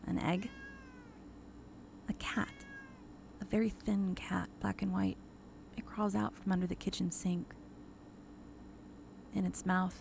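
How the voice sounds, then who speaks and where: A woman dramatically narrates a first-person horror story in halting, intense fragments, her voice gravelly and creaky. It sits on the low side and is a little mellow, with a little hiss or hum in the recording.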